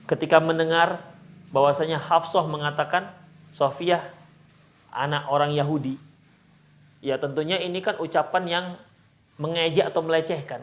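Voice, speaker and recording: A man preaching in a mosque and retelling a story in casual speech with Arabic phrases mixed in. He speaks directly to the men in the audience. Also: fairly high pitch. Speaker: Islamic preacher. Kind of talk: Islamic study lecture in a mosque.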